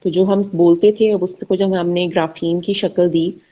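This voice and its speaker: A young woman giving a class presentation, halting with many fillers as she mixes two languages. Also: on the low side, steady tone, mellow. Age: young adult. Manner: hesitant, many fillers, mixes Hindi-Urdu and English. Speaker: student presenter.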